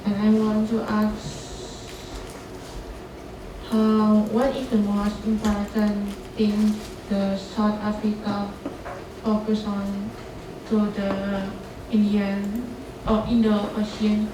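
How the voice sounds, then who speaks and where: A woman asks a question from the audience. She speaks slowly and in an even, flat tone. The mic catches her from a distance in an echoey, noisy room. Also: mid-range voice. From Indonesia. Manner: careful, pausing between phrases. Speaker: university student. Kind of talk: asking a question in a lecture. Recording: far-off mic in an echoey classroom with background noise.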